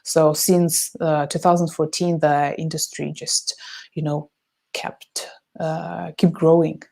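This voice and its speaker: A woman's voice: low-pitched, level tone, creaky, a little mellow. A woman who develops business for a podcast app, answering interview questions in hesitant full of fillers and restarts. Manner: halting, many fillers and restarts.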